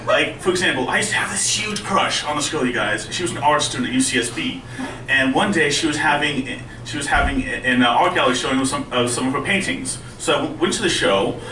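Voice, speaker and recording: A male stand-up comedian with a bright, slightly high voice tells self-deprecating stories in a conversational way. His speech impediment turns R's soft and close to W. The sound is roomy, as if picked up from a distance in a live venue. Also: brisk. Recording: roomy live club, distant mic, faint noise.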